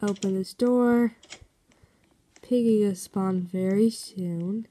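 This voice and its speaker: Slow-talking woman narrating her game. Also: mid-range voice, warm tone. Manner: chatty, reads game notes aloud, reacts while playing. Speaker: game video maker. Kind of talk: casual gameplay commentary.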